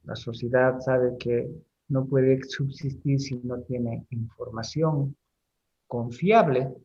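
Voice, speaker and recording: A middle-aged man giving a university class lecture, speaking deliberately, pausing and repeating words as he explains. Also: medium pitch, fairly even intonation, darkish tone, breathy edge, lo-fi sound.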